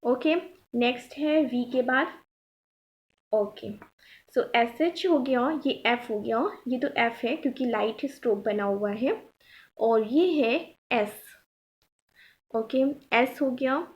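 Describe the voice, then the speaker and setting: A woman's voice: on the high side, slow pace. A woman teaching shorthand step by step, patiently repeating each point and checking that her students follow. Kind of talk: step-by-step tutorial explanation.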